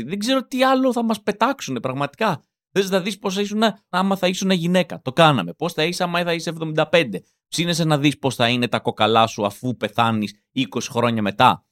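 A man in his thirties with a mid-range voice hosts his comedy podcast, telling rambling, self-mocking stories in a comic monologue. He is animated and acts out quotes. The audio is studio quality with no echo.

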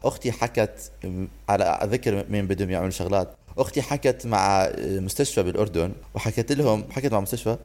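A man's voice: fairly low pitch, fast talker, a little mellow. A man from Iraq, chatting casually as a podcast co-host and mixing in English phrases. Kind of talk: casual chat.

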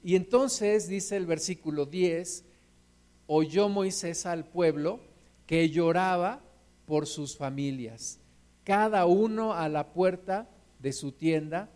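Male preacher, high voice, conversational sermon, rhetorical questions. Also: slow pace, darkish tone. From Mexico. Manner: asks listeners rhetorical questions, retells scripture vividly.

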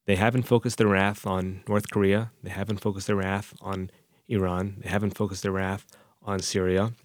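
A man speaking as a rabbi and interview guest, deliberate and emphatic, building unscripted points through repetition. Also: lowish voice, darkish tone, no room sound, studio quality. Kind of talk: unscripted discussion.

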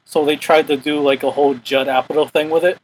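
A man's voice: fairly high pitch, steady tone, fast, a little hiss or hum, poor audio. A man hosting a casual podcast, chatty and rambling as he talks about movies. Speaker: podcast host. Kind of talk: casual chat.

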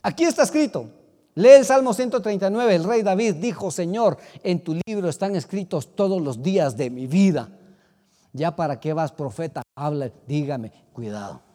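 A man preaching a sermon as pastor, swinging from loud exclamations to quiet asides. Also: a little high, lively intonation, normal speed, in a large hall.

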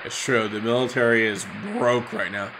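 A weary man talks in a loose, rambling way, full of restarts and fillers. His voice sits at an ordinary pitch. A loud hiss runs under everything he says. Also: steady tone, normal speed. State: tired, yawning. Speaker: commentator reacting to a speech. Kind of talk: casual late-night commentary. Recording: loud background noise.

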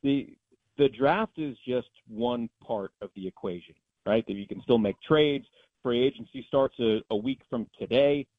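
A guest sports announcer offers emphatic, opinionated analysis in a conversational tone. His mid-range voice moves at normal speed, and the dry recording comes through a dull, narrow-band line.

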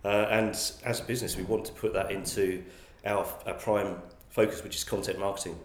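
A little fast and on the low side, with a steady tone, this male guest from England, a magazine publisher, gives thoughtful interview answers marked by frequent restarts and repeated words. The audio has a roomy echo.

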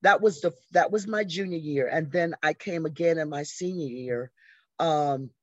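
A woman in her sixties from the American South, guesting on an interview and telling stories in a lively way, acting out the people she quotes. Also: sits low, normal speed, dry recording. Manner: animated storyteller who acts out quoted voices. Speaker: interview guest, arts educator. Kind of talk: conversational storytelling. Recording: dry, slightly dull lo-fi audio.

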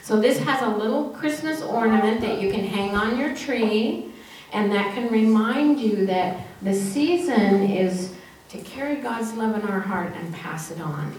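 In a church service, a woman leads the children's message, speaking simply and encouragingly as she asks questions and affirms the answers. Her voice is mid-range, a little mellow, and measured in pace. The recording is echoey with a distant mic and faint noise.

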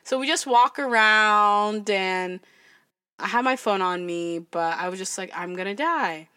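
A woman in her twenties from California, hosting a podcast and telling a story in a loud, chatty voice full of "like". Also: mid-range voice, measured pace, clean tone, dry recording, studio quality. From California, USA. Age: 20s. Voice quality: loud speaking voice. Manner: chatty, fills speech with "like" and "I'm just like". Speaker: podcast host. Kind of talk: casual storytelling.

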